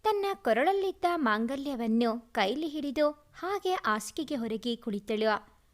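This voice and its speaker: A woman storyteller reading a romantic family story aloud in an expressive, emotive way. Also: high-pitched. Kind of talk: storybook read-aloud narration.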